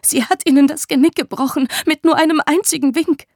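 A woman reading a story voices a distraught, guilt-ridden young woman with a raw, hoarse voice. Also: sits high, steady tone, fairly quick, no room sound, clean studio sound, pitched above the performer's own voice. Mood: anguished.

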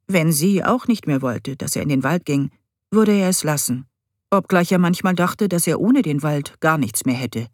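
A woman reads a story aloud in a lively, expressive way. Her pitch moves a great deal from line to line. The recording is dry and close. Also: dry recording. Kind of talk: storybook reading.

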